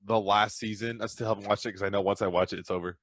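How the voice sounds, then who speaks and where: A man's voice: lowish voice, steady tone, fast, fairly bright tone, dry recording, clean studio sound. A man chatting casually as a podcast guest, rambling through stories with a self-deprecating streak. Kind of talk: casual chat.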